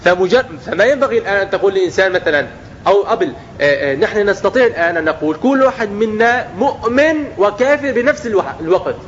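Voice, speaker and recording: A man's voice: sits high, expressive, racing, lo-fi sound, slight background noise. A man preaching a religious lesson to young people, often asking questions and answering them himself. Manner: acts out everyday speech in quotes.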